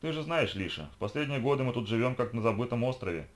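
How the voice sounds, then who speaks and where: A man voicing a wary, gruff, biker-like bartender who answers evasively. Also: medium pitch, lively intonation, quick pace, close to an everyday voice.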